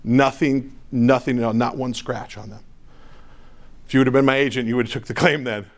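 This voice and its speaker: A man giving an energetic motivational talk to a live audience, telling a personal story with quick asides to the crowd. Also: medium pitch. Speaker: motivational speaker.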